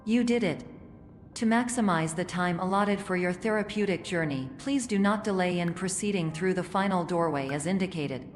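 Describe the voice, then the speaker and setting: An actress voicing a calm female facility announcer in a video game, formal and polite. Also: lowish voice, moderate pace, soft background music, lightly acted. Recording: game announcement with long reverb.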